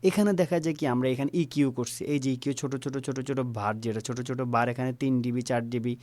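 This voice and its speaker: A man's voice: medium pitch, steady tone, fast talker, a little mellow, no echo. A man teaching audio editing in a casual tutorial, explaining step by step with fillers and restarts, recorded on a home studio microphone. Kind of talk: screen-recorded software tutorial.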